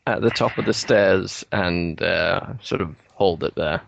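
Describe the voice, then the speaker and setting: A man's voice: low-pitched, measured pace, creaky, no room sound, muffled recording. A man playing a tabletop game and talking casually about the action.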